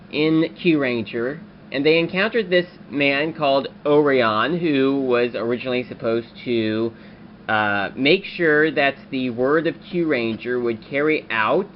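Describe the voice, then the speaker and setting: A man talking through a toy review in a casual, rambling way, often pausing on fillers. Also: mid-range voice, lo-fi sound, a little hiss or hum. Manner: rambling, frequent filler pauses.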